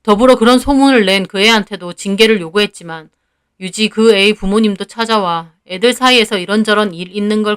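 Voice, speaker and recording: A woman narrating a first-person story in an even, measured storytelling manner. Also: mid-range voice, smooth.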